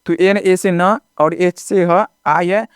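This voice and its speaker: A man's voice: high-pitched, steady tone, takes it slowly, smooth, no echo, studio quality. A man teaching a video lesson in speech, often repeating himself and checking in with his students. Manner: repetitive, keeps checking in with the audience.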